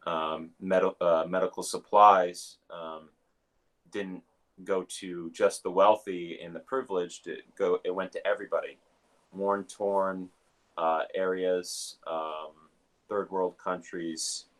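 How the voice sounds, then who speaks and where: A male minister with a voice that sits low hosts an online service. He gives announcements and introduces a guest haltingly, with many filler sounds.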